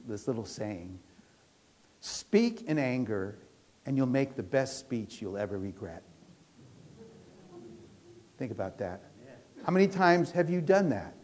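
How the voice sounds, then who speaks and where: A middle-aged man preaching a sermon in a church, earnest and animated, talking fast with many restarts. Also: mid-range voice. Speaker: pastor.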